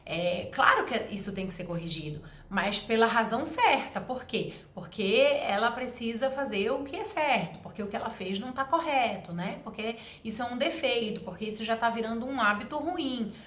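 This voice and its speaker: A woman's voice: fairly high pitch, animated, normal speed, few pauses, fairly bright tone. A woman, giving parenting advice in an earnest, emphatic monologue that explains things step by step. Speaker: parenting educator. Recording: roomy echo.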